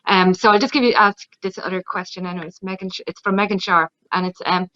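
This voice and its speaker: A woman's voice: fairly low pitch, a bit bright, clear, resonant tone, no echo. A woman hosting a literary interview, informally putting questions to a guest. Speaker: event host and interviewer. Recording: close, dull lo-fi audio.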